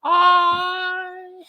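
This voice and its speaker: A woman's voice: extremely high pitch, monotone, drawn-out words, narrow, tinny audio, exaggerated voice. A woman doing a giggling rambling old nurse. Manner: rambling, giggling, wandering memories. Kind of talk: theatrical play reading.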